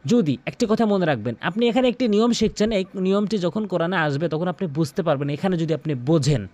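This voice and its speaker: A man teaching a Quran recitation lesson, repeating each sound slowly so listeners can practise along. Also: sits high, animated, darkish tone, dry recording. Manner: stretches out chanted recitation in a drawn-out melodic voice. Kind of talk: pronunciation lesson.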